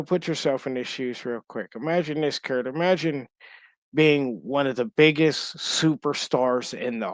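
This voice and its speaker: A man co-hosting a podcast in casual chat, rambling and halting with many restarts and fillers. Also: medium pitch, dry recording. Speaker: podcast co-host.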